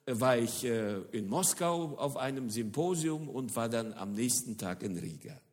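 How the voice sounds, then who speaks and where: A middle-aged man from the former Soviet Union, his voice on the low side, delivers a lively lecture-style sermon about the church's mission. He hesitates frequently and repeats words for emphasis, and the recording carries long hall reverb.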